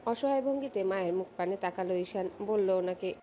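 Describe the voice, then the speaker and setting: A woman narrating a romantic audio story in a steady, expressive storytelling voice. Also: medium pitch, fairly quick, soft background music.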